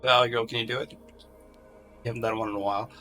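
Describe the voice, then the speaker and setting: A man playing a tabletop game casually, often pausing and searching for words. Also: medium pitch, level tone, sharp tone, soft background music. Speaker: player.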